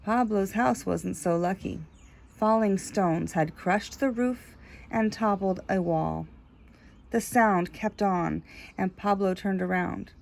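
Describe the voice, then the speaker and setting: Reading a children's book aloud slowly, a woman uses a medium-pitched, creaky, slightly mellow voice. She draws out key words expressively and slips in casual remarks along the way.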